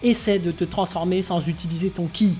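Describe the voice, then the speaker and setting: A woman voicing an ancient godlike male mentor who lectures in a calm, stern, measured way. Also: lowish voice, soft background music, close to an everyday voice. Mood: stern lecturing.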